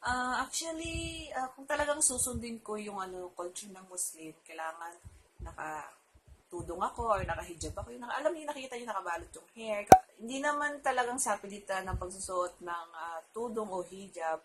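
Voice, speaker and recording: A woman's voice: mid-range voice, lively intonation, fairly quick, slight background noise, low-quality recording. A Filipino woman vlogger telling a personal story to her viewers in a casual, chatty way, laughing often and trailing her phrases with fillers.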